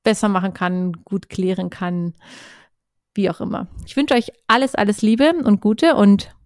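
A woman's voice: mid-range voice, steady tone, normal speed, a little mellow, no room sound, clean studio sound. A woman, hosting a solo podcast in an earnest, hesitant way with many restarts. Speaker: podcast host. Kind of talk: casual solo podcast talk.

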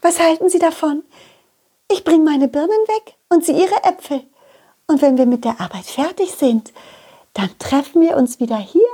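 Woman as a gushing female donkey, high, lively, childlike storybook voice. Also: normal speed. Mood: eager. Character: cheerful, giggly female donkey.

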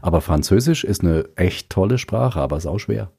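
A man's voice: low voice, lively intonation, normal speed, gravelly, warm tone, breathy edge. A man hosting a call-in podcast, chatting casually with a caller. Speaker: podcast host. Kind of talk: casual phone-in chat.

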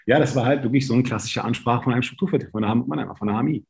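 A man's voice: mid-range voice, racing, creaky, husky. A man in his late thirties from Berlin, telling a personal story in a casual conversation and acting out the lines people said to him. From Berlin, Germany. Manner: lively anecdotes, acting out quoted dialogue. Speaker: interview guest, sales business leader.

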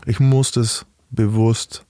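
A man's voice: mid-range voice, level tone, slow, warm tone, no room sound, clean studio sound. A middle-aged man speaking as an interview guest, talking frankly and matter-of-factly in a casual interview.

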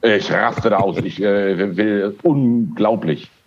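Male co-host, husky, very animated delivery, slightly dull lo-fi sound. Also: on the low side, slow. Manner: animated ranting, frequent hesitations. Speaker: podcast co-host. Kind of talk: casual chat.

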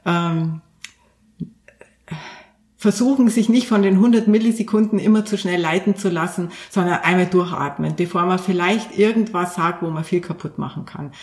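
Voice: medium pitch, normal speed. A communication coach, a guest on a podcast, explaining ideas earnestly with examples and many fillers. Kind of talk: explanatory interview talk. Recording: echoey room.

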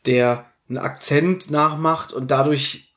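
A man's voice: on the high side, fairly even intonation, measured pace, fairly bright tone. A man co-hosting a podcast, chatting casually and jokingly with strong opinions about a radio play. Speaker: podcast co-host.

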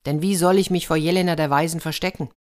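A woman's voice: deep voice, steady tone, fast, a little mellow, close to an everyday voice. A woman voicing a desperate young male soldier in a told fairy tale, pleading and plaintive.

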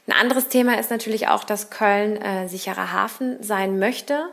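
A woman politician answering interview questions in an earnest, thoughtful way, pausing often with fillers. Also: mid-range voice, vocal fry, a bit bright.

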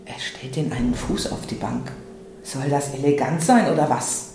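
A man's voice: medium pitch, animated, moderate pace, vocal fry, darkish tone. Man reading with vivid expression, echoey. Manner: dramatic, shifting tones of an anxious inner monologue. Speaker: reader. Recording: echoey room, faint noise.

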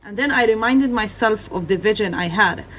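A young woman from Gaza, Palestine, gives earnest personal testimony as an interviewee over a video call, repeating phrases and saying "you know." Her medium-pitched voice moves at a moderate pace over music, and the recording is low quality.

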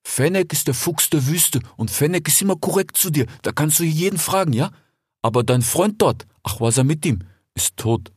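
A man voicing a smooth-talking male desert fox in a storybook, chatty and persuasive, ending his sentences with little tag questions. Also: a little high, expressive, normal speed, dry recording, studio quality. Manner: chatty, keeps tagging "ja?" and "ich schwör". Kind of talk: audiobook character voice.

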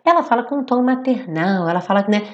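Woman, English teacher, live online lesson, lively animated pitch, patient explanations, frequent check-ins with viewers. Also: lo-fi sound, slight background noise. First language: Portuguese. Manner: explanatory, checks in with "certo?" and "tá bem?"; reads English lyrics slowly and deliberately. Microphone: computer setup with phone beside.

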